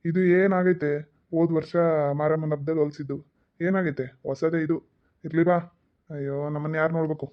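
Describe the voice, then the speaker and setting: A henpecked cartoon village father with a slightly high voice, joking one moment and whining for respect the next, voiced by a man. The audio is a bit dull and lo-fi. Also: steady tone, fairly quick, pauses often, natural voice. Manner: joking, whiny, pleading. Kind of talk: cartoon voice acting.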